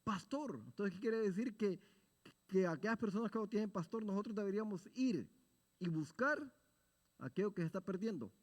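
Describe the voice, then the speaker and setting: A man leads a Bible study in the manner of a sermon, earnest and exhorting, putting rhetorical questions to his listeners and answering them himself. His voice sits fairly high for a man. The sound rings on in the long reverb of a church sanctuary. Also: expressive, normal speed.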